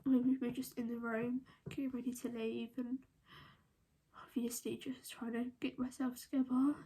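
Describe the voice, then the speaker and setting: Tearful woman, creaky husky voice. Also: fairly high pitch, little pitch movement, warm tone. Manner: halting, breaking into whispers. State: crying, holding back tears. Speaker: vlogger. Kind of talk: personal story to camera.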